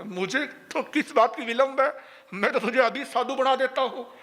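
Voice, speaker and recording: A man voicing a calm Jain monk who patiently reasons and reassures. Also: very high-pitched, moderate pace, long reverb tail. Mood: reassuring.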